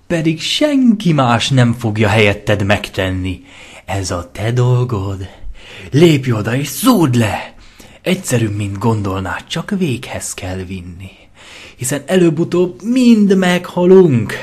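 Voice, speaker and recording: A man's voice: medium pitch, big pitch swings, darkish tone, breathy edge, pitched above the performer's own voice. A man doing a scheming pony tempter. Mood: persuasive. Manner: coaxing, insistent, contemptuous. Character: scheming manipulative pony tempter, coaxing and cruel. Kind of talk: audio fanfiction reading.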